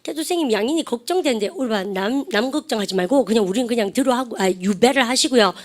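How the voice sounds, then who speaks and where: A middle-aged woman gives an animated English grammar lesson in a slightly high voice. She keeps prompting her class to repeat after her and drops into slow, careful English for the drill phrases. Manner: coaxing, calls students to repeat phrases; switches between dialect-tinged Korean asides and slow English drills. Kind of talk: lively classroom-style lecture.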